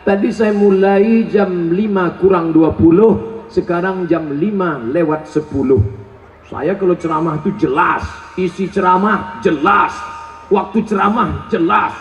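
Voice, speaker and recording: A high-pitched man preaches a joking, animated sermon, firing shouted questions at the crowd. His voice rings through an echoey hall on a dull, lo-fi recording with faint background noise. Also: measured pace. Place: large event hall.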